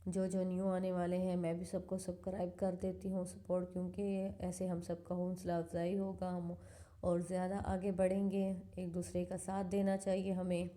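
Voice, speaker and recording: Woman, 30s, family vlogger voice-over, low and flat delivery, dark mellow timbre. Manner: soft, steady, conversational storytelling. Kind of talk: casual voice-over narration of home video.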